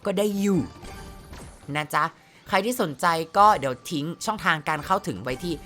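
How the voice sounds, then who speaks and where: Woman streamer, lowish bright voice, chatty and playful, casual gameplay commentary at a close mic, game music faintly behind. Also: lively intonation, moderate pace. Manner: chatty, playful, exclaims at the screen.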